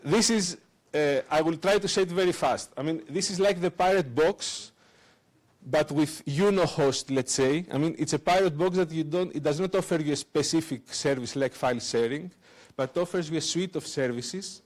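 This conference speaker, a man with a fairly high voice, halts often as he presents a technical talk with a live demo. Fillers, restarts, and non-native phrasing run throughout, picked up by a handheld mic in a lecture room.

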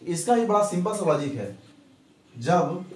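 Guy teaching english sounds in hindi, a bit high voice, keeps repeating rules, echoey room, mic far off. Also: big pitch swings, darkish tone. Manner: repeats rules slowly, asks and answers own questions. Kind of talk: Hindi grammar lesson.

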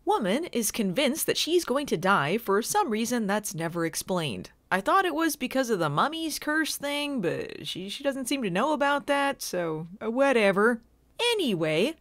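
A woman recapping a TV episode with sarcastic, deadpan asides. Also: a little high, normal speed, no echo. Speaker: video reviewer. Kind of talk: comedic recap narration.

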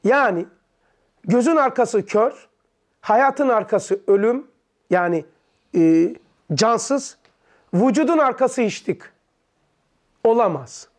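A man with a fairly high voice teaches a religious text to a small study circle. He fires short questions at his listeners, answers many of them himself, and breaks hard terms down into everyday words. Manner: explains terms in plain words; leans back in an armchair while teaching.

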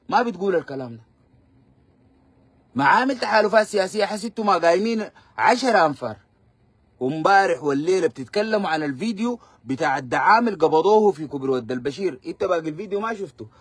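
Fiery fast-talking Sudanese commentator, man. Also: high-pitched, animated, fairly bright tone, slightly rough, no room sound. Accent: Sudanese Arabic. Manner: fiery, combative ranting. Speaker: political commentator. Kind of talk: live-stream political commentary.

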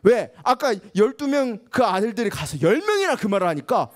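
A woman teacher telling a Bible story to young children, animated, asking them questions and acting out the voices. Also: on the high side, brisk. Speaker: kindergarten teacher.

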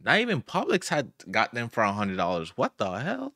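A young man streams from a room at home, reacting in loose, incredulous slang. He speaks into a studio mic at his desk while wearing headphones, his medium-pitched voice swinging hugely in pitch at a moderate pace over background noise.

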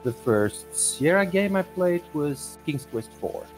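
A man's voice: fairly high pitch, sing-song, takes it slowly, faint music behind, poor audio. A man in his forties from Belgium, a guest answering questions in a casual video-call interview, hesitant with many restarts. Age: 40s.

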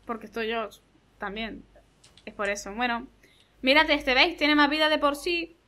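Spanish woman gaming host, high bright voice, lively and excitable, self-mocking banter. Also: moderate pace. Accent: Spain Spanish. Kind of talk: casual let's-play commentary.

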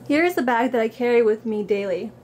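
A young craft vlogger recovering from a cold casually shows viewers what's in her bag, in an indoor room against a plain backdrop. Her slightly high, darkish voice is brisk, with slight background noise; she reads book excerpts with an upbeat lift, then chats plainly.

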